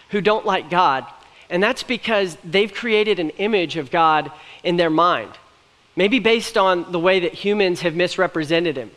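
Long hall reverb fills this recording of a young man preaching on a church stage before a large hall. His voice is high and fairly bright, and his delivery is earnest and conversational, with a few light jokes.

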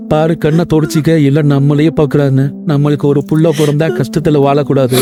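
A man's voice: fairly high pitch, close to an everyday voice. A man voicing a homesick young husband working abroad in a cartoon, earnest and pleading. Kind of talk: Tamil cartoon voice acting.

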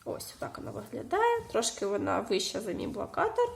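A woman with a slight cold and hoarse voice, chatting casually in a knitting vlog and showing her work, with small fillers and restarts. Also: mid-range voice, wildly swooping pitch, brisk. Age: young adult to middle-aged, a mother. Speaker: knitting vlogger.

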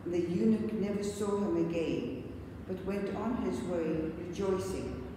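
An elderly woman reads scripture at a measured, slow pace. She sounds distant in a very echoey church, with noise behind her. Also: fairly low pitch. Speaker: lay reader at Mass. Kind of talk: scripture and psalm reading. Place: church sanctuary at a lectern.

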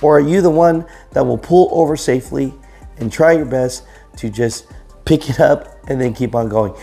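A man in his thirties hosts a trucking news show from his living room couch, chatting casually to camera and speaking straight to viewers through a clip-on lapel mic. His voice is medium-pitched, gravelly and mellow at a normal speed, with faint music in the background.

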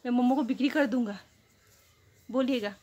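A woman's voice: fairly high pitch, moderate pace, a little mellow. A woman talking casually at home in a vlog, playful and teasing with her child. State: sweaty after play-fighting. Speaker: vlogger and mother. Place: home room with a fan and TV.

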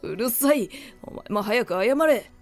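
A woman doing a gruff, panicky middle-aged father. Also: mid-range voice, moderate pace, a little mellow, soft background music, lightly acted. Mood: panicked scolding. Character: flustered middle-aged company-man father.

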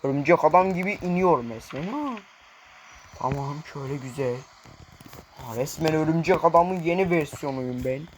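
A man's voice: on the high side, brisk, slight background noise. A young man commenting on his own gameplay, brashly taunting enemies and talking to viewers.

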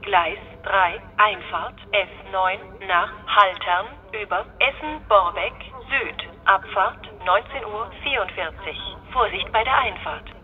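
Narrow telephone-like sound, woman, slow delivery, flat platform announcement, formal station announcer, segmented phrases. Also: mid-range voice. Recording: tinny phone-like band, hissy background noise.

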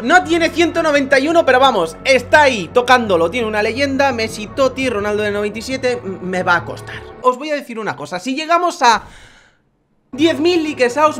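A young man with a Spanish accent giving live football-game commentary, swinging between frustrated shouting and low muttering, swearing often. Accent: Spain. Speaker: gaming youtuber. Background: game music.

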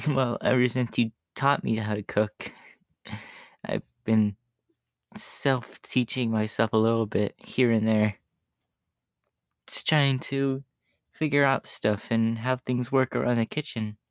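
Catboy played by a man: young, gentle, bashful, mid-pitched, unhurried, halting soft delivery, ASMR role-play audio. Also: fairly even intonation, dry recording, clean studio sound. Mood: hesitant, sweet. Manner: hesitant, bashful, soft-spoken with nervous giggles. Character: shy, gentle young catboy living with partner.

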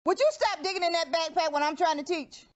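A woman's voice: extremely high pitch, a little fast. A woman teacher giving firm, directive instructions to a class. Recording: dull lo-fi classroom recording.

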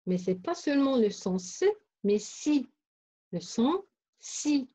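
A woman's voice: a little high, expressive, a little slow, mellow, lo-fi sound. A woman teacher giving a phonics lesson, carefully saying and repeating words and syllables for young pupils. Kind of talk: slow, deliberate phonics lesson.

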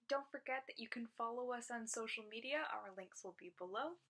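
A woman hosting a library storytime, signing off to viewers in a friendly, unhurried way. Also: on the high side, fairly bright tone. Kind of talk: sign-off to viewers.

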